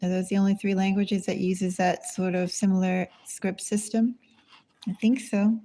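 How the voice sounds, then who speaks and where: Recorded on a phone, a woman gives a casual tarot reading, rambling, thinking out loud and posing small questions to herself. Her mellow voice is medium in pitch with little movement, at a moderate pace.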